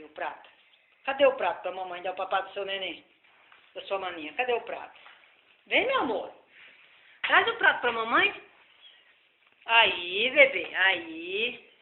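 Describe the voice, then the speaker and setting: A woman talking coaxing sing-song baby talk to her pets at home, her voice squealing up high, filmed on a phone. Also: big pitch swings, unhurried, pauses often. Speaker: pet owner. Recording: tinny echoey noisy phone video.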